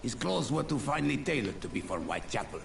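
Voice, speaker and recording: An actor playing a curt, suspicious male gatekeeper in a game, gruff and dismissive. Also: mid-range voice, big pitch swings, fast. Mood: reporting. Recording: noisy game audio.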